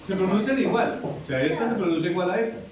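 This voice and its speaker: Recorded from afar in a heavily echoing, noisy classroom with crowd sounds, a man with a high voice speaks fast as he lectures on English pronunciation. He keeps repeating things and checking that his students are keeping up.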